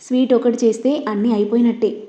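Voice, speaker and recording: A woman's voice: fairly high pitch, steady tone, fast talker, mellow, natural voice. A woman voicing a kind, motherly middle-aged housemaid. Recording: roomy, dull lo-fi.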